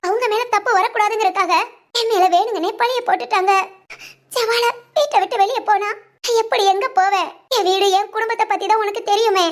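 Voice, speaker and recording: A woman voicing a wronged young wife in a family cartoon, pleading and wounded. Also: very high voice. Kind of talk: cartoon voice acting.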